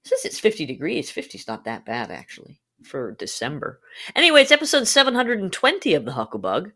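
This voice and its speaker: A woman's voice: deep voice, huge pitch swings, fast, pushed and bright. A woman hosting a podcast in casual chat, cheerful and chatty, reading out listener comments. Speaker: podcast host.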